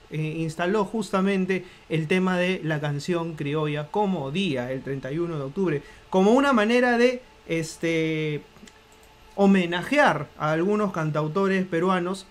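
A Peruvian man with a high voice hosts a live stream, chatting straight to his viewers. He plays it up with theatrical flair and lots of joking. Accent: Peruvian Spanish. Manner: playful, theatrical, addresses viewers directly. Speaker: host of a live book podcast. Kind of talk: live-stream casual chat.

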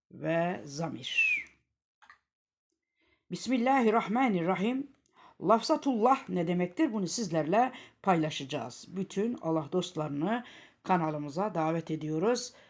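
A Turkish woman teaches Quran reading at an unhurried, very slow pace. She draws out each example word loudly, repeating it several times, then drops to a quieter explaining voice. Her tone is patient and methodical. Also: lowish voice, expressive. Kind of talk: slow step-by-step recitation lesson.

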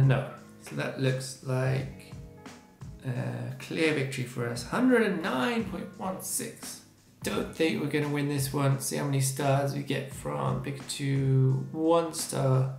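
A man in his thirties hosts a gaming channel, chatting casually through a let's-play and reacting to each result. His mid-range voice is gravelly, strained and sore-throated, picked up by a webcam mic at his desk in a small room with a roomy sound.

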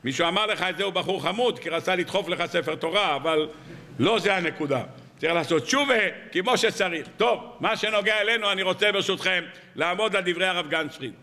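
A man's voice: sits high, sharp tone, long reverb tail. A man, a rabbi, giving a storytelling sermon on the weekly Torah portion, firing off rhetorical questions and anecdotes. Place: evening lecture hall.

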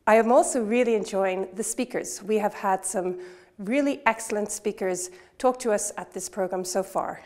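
A woman in her thirties gives a calm, articulate testimonial to camera in a classroom. Her pitch sits in a middle range and she weighs her words as she goes. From Ireland. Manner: measured, articulate, reflective. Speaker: course participant. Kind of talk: testimonial interview. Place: classroom by a window.

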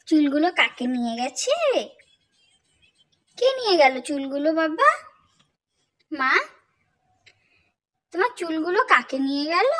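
A woman's voice: extremely high pitch, a bit bright. A young mother teasing and coaxing her baby in playful, sing-song baby talk.

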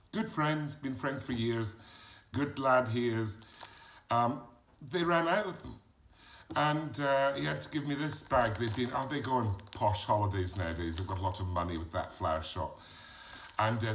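With a medium-pitched voice against a noisy background, a man performs a comic character monologue as a talkative middle-aged bloke whose accent mixes Yorkshire and Glaswegian. The character is filming a cooking video in his home kitchen and keeps drifting into gossip and stories.

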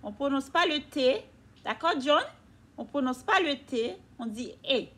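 A woman's voice: high voice, expressive, measured pace, fairly bright tone. A woman teacher reading a picture book aloud to young children, patiently asking them questions. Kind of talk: children's read-aloud lesson.

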